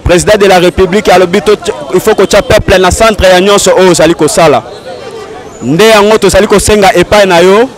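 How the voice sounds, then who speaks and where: A man's voice: sits high, steady tone, a little fast, some chatter behind. A man giving an earnest, insistent street interview outdoors in a city. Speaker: interviewee, party supporter.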